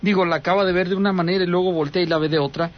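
A man's voice: sits high, steady tone, very fast, lo-fi sound, a little hiss or hum. A man hosting a talk show, musing aloud and restarting his sentences. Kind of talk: talk radio chat.

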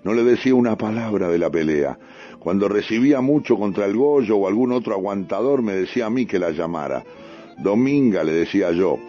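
A man with a Rioplatense accent reads a first-person story on the radio, unhurried and full of street slang. His voice is low and mellow. The sound is a dull radio broadcast with faint music underneath. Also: lively intonation. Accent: Rioplatense Spanish. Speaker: radio host reading a story.

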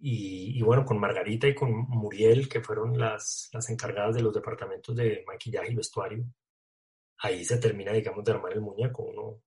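Male actor, relaxed interview chatter, slangy, lots of restarts. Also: on the low side, fairly quick. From Colombia. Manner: casual, slangy, many fillers and restarts. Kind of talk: casual interview talk.

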